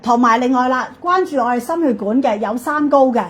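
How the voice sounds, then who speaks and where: A woman with a fairly high, rough-edged voice and a Hong Kong Cantonese accent gives a hard-sell live shopping pitch. She presses each point insistently, repeats it, and keeps checking that listeners follow. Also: brisk. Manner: insistent, repetitive, peppered with checking questions.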